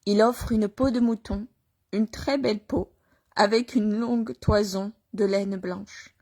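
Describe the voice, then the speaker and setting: A woman reading a religious nativity story aloud at a measured pace, with pauses and small restarts. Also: medium pitch, fairly even intonation, warm tone, dry recording. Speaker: reader.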